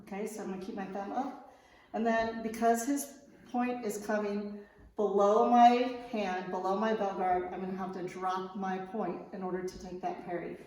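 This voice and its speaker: A woman coaching a fencing class, explaining technique step by step in an informal, checking-in way. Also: on the high side. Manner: informal, checks understanding with okay. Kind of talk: instructional demonstration, explaining step by step. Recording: very echoey large room.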